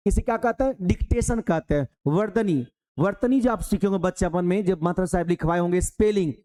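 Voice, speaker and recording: High-voiced man teaching with questions. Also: dark tone. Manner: asks the class a question, then answers it himself; colloquial, addresses listeners as "babu". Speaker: exam-prep teacher. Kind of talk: Hindi exam-prep lesson.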